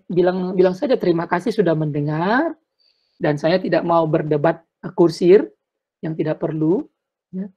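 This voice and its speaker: A man's voice: sits high, slightly rough. A man giving earnest sermon-style answers on a video call, repeating words and slipping in English phrases. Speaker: speaker answering questions. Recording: dull lo-fi video call audio.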